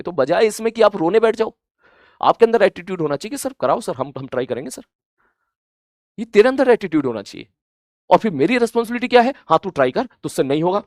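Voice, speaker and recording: A male teacher gives students an earnest motivational talk, gently scolding them and repeating each point. His voice sits at an ordinary middle pitch and climbs louder and higher when he pushes them to try. The sound is dry and close to the mic. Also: no echo. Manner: earnest, scolding yet gentle, repetitive emphasis; rises loud and high when urging. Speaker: coaching teacher.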